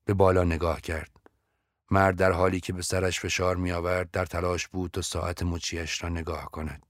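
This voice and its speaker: A man narrating a story in a steady, measured audiobook reading. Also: low voice, no echo, studio quality.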